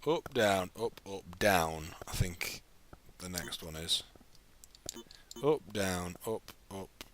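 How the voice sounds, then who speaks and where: A man's voice: deep voice, animated, takes it slowly, fairly bright tone. Tired male streamer in his thirties, easygoing rambling banter, light click noise. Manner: tired, rambling, laid-back. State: sleepy. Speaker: gaming streamer. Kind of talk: casual chat while playing a video game live.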